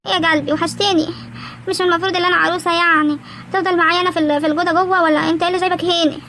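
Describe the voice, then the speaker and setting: A woman voicing a young, coquettish new bride in an animated comedy, with a sugary, cooing manner and an Egyptian rural accent. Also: extremely high pitch, very fast, slight background noise, exaggerated voice.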